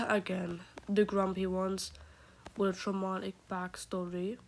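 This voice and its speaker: A woman who is sick and keeps her voice quiet, rambling and gushing about favorite characters in a casual vlog, often dropping into a half-whisper. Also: mid-range voice, little pitch movement, slow, a little hiss or hum. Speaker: vlogger. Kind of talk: casual fandom chat.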